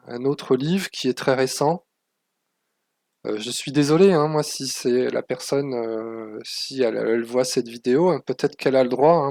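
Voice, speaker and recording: A man walks viewers through a screen-share tutorial, pausing often on fillers as he issues cautionary warnings. His voice sits at an ordinary middle pitch. The recording is dry and close, with no room sound. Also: a little mellow, dry recording. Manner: hesitant, many fillers, warning tone. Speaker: channel host.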